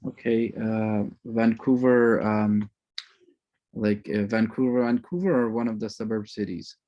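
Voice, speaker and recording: A man's voice: lowish voice, fairly even intonation, unhurried, highs cut off. Chatty man greeting an online class. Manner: chatty, rambling, sprinkles religious phrases. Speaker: course instructor.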